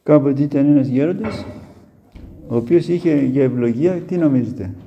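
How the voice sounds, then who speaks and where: A man's voice: mid-range voice, expressive, dull audio, slight background noise. A male monk preaching a sermon, telling stories and acting out the dialogue in a church. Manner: storytelling with quoted dialogue.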